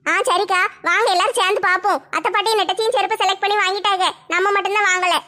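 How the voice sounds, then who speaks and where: Very high, bright-voiced woman in a village comedy skit. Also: fairly even intonation, racing. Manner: bickering, dramatic wailing. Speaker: skit performer voicing village women.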